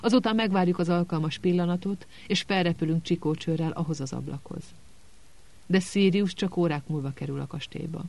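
Egy férfi hangján izgatott diáklány, aki suttogva sürget. Feszülten, zaklatottan szól. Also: male voice, high-pitched, gravelly, darkish tone. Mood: anxious. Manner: urgent, flustered. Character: anxious clever teenage girl.

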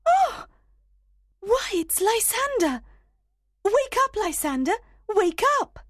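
A man's voice: extremely high pitch, sing-song, normal speed, no room sound, clean studio sound, pitched above the performer's own voice. A man voicing a lovesick young woman who pleads tearfully. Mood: alarmed.

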